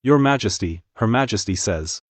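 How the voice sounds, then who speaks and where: A man's voice: on the low side, expressive, normal speed, dry recording. A man playing an uneasy court official serving an emperor in a dubbed period drama. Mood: anxious, deferential.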